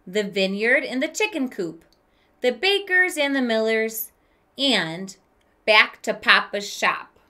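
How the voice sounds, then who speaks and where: Slowly and in a bright, mid-range voice, a teacher reads a storybook aloud to children, speaking deliberately and dramatically. Her expressive read-aloud includes asides and questions for the young listeners, in a small indoor room with a bookshelf.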